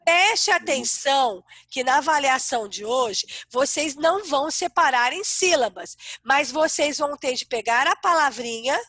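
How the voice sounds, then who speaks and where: A Brazilian woman teaches a class of young children over a video call, her voice high and sing-song. The recording is dry and close, and her tone is bright. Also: dry recording. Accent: Brazilian Portuguese. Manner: warm, sing-song teacher talk to small kids. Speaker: primary school teacher.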